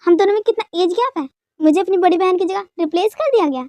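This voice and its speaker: A woman's voice: very high voice, quick pace, darkish tone, no echo. A woman doing [name], a curt, irritated young wife. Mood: annoyed. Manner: curt, scolding.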